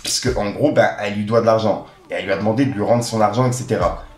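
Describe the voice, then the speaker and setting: A man's voice: fairly low pitch, fast talker. A man with a French accent giving a casual, slangy rap news recap and talking straight to his viewers. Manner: chatty, slangy, addresses viewers as "l'équipe". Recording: echoey room with music underneath.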